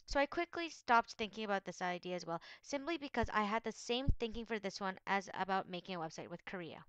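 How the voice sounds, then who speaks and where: A woman's voice: mid-range voice, a bit bright, clear, resonant tone, no echo, low-quality recording. A teenage girl from Canada, earnestly reading out a prepared journal about her school project. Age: teens. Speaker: high school student.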